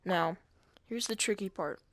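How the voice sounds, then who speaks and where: A man's voice: high-pitched, unhurried, fairly bright tone, slight background noise. A man talking through a casual screen-recorded game tutorial, hesitant and self-deprecating, with many fillers and restarts.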